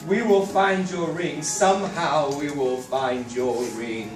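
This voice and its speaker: A woman voicing a gentle, fatherly king who soothes and reassures. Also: low voice, steady tone, slow, roomy sound, recorded from a distance, faint music behind. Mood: comforting.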